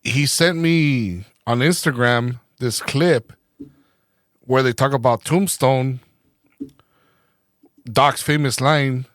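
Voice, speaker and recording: A man's voice: mid-range voice, takes it slowly, pauses often, fairly bright tone, no room sound, clean studio sound. A man co-hosting a podcast in casual chat, laid-back, dropping "dude" and "man" often. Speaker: podcast co-host.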